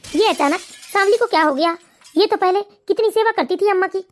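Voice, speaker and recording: A performer voicing an earnest grown son and husband in an animated family cartoon, pleading and questioning. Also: very high voice, fairly quick. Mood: puzzled.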